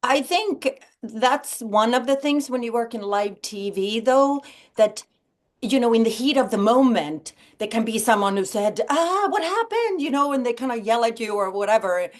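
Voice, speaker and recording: A middle-aged woman from Sweden, a podcast guest in casual chat, friendly and quick to laugh, with many fillers. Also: a little high, lively intonation.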